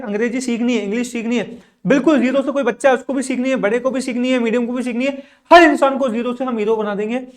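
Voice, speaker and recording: Male teacher running a repetitive vocabulary drill, asking questions and answering them himself. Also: extremely high pitch. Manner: drills and repeats with frequent "theek hai". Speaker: English teacher. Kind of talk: classroom lesson in Hindi.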